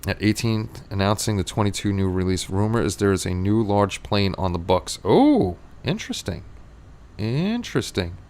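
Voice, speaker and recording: A man's voice: fairly low pitch, animated, moderate pace, a little mellow. A middle-aged man with a Queens New York accent chats casually as a livestream host, rambling along and repeating his phrases. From Queens, New York City, USA. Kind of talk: casual chat, reading and answering live chat.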